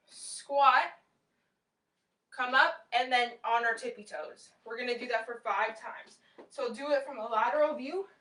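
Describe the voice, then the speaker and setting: Here a fitness instructor, a young woman whose voice sits high and a little bright, runs a workout class from a small indoor room at home. She calls out exercises and counts reps with encouragement while moving. The far-off camera mic captures a roomy, echoing sound.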